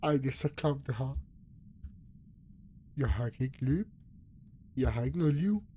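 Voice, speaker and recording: A man's voice: medium pitch, animated, mellow, a little hiss or hum. A young man nervously commentating a horror game, talking to himself and his viewers as he gets scared. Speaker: gaming youtuber.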